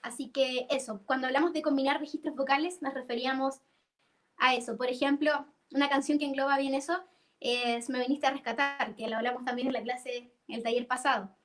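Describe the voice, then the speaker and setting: A young woman leads a singing workshop. Her voice sits high, and she explains things patiently, breaking into sung notes to show each vocal register. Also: steady tone, brisk. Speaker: singing teacher.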